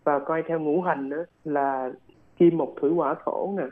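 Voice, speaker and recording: A man's voice: fairly high pitch, steady tone, normal speed. Man on a phone line. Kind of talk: casual explanatory chat.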